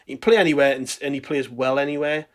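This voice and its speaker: A man's voice: mid-range voice, steady tone, quick pace. A man hosting a football fan podcast in a casual, conversational way. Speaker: podcast host.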